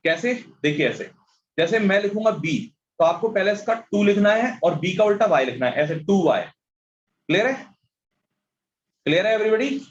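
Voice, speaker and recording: A man's voice: high voice, lively intonation, fairly quick, lo-fi sound, slight background noise. A man teaching an online reasoning class, spelling out letters one by one and scolding students who make mistakes. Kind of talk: online class teaching, mixing Hindi and English.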